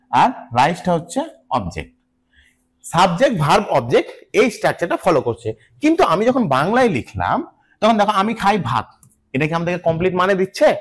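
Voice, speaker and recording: A man's voice: high voice, husky. A young male teacher with a Bengali accent, giving an exam-prep lecture with patient explanation, repeated key terms and rhetorical questions. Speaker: English teacher.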